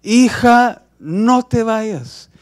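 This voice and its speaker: A man's voice: on the high side, lively intonation, normal speed, close to an everyday voice. A man acting a desperate father who cries out and begs his daughter not to leave, within a sermon. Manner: crying out, begging.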